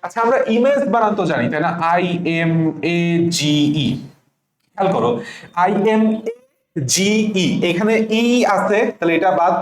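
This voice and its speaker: Bangladeshi male tutor, high voice, slow letter-by-letter spelling drills, echoey room. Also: animated. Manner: spells words out slowly letter by letter. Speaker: English teacher. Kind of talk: exam prep lesson.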